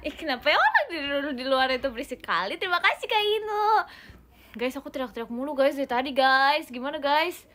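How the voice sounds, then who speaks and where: A woman's voice: sits high, expressive, brisk, a bit bright, slight background noise. A young woman hosting a casual phone livestream, bubbly and giggly as she chats and thanks fans for their comments. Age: young adult. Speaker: idol livestreamer. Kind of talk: casual livestream chat, reading fan comments. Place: indoor room.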